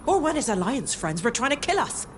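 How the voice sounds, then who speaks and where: A woman's voice: fairly high pitch, big pitch swings, a little fast, faint music behind. An actress playing a proud, defiant young female sea captain in a video game, indignant and headstrong. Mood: indignant, bitter. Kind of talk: video game dialogue acting.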